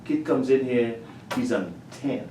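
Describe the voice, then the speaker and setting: A middle-aged man from Trinidad, a high school principal, telling lively stories about his students in a casual interview. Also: unhurried, slight background noise. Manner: animated storyteller, acts out his talks with students. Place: school office. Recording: echoey room, distant mic.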